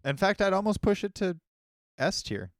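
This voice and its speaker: A man's voice: high voice, sing-song, moderate pace, dry recording, clean studio sound. A man co-hosting a podcast in casual chat, enthusiastic and emphatic. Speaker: podcast co-host.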